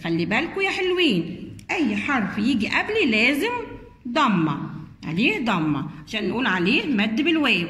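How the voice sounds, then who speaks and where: A patient talking letter explaining its rule to little ones, careful and gently instructive, with a lively voice. The room echoes noticeably, as a woman puts the letter on. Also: fairly high pitch, a little fast, voice pushed down.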